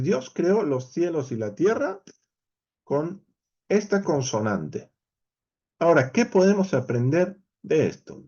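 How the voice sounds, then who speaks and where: A man's voice: medium pitch, dark tone, slightly rough, dull audio. A man with a Spain Spanish accent teaching a verse-by-verse Bible study lesson, explaining animatedly and speaking straight to his viewers.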